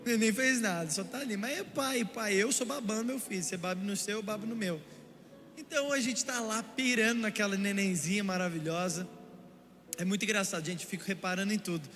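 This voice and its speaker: Animated young male pastor preaching in a hall. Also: sits high, a little fast, slight background noise. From Brazil. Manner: animated storytelling, playful asides to the congregation. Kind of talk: sermon. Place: church auditorium. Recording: echoey church hall with music. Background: music underneath.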